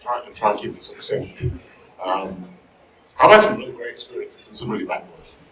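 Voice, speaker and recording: A middle-aged man with a very deep, firm voice, speaking informally and jokingly on a panel. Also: very animated, fairly quick. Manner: informal, joking, mild swearing. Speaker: panel speaker, insight director. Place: live panel event room, microphone. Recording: echoey room, far mic, faint noise.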